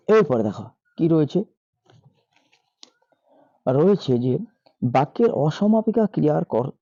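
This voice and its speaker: A hoarse male teacher reads out exam questions and their options, then gives the answers. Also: on the high side, mellow, no echo. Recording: dull lo-fi mic.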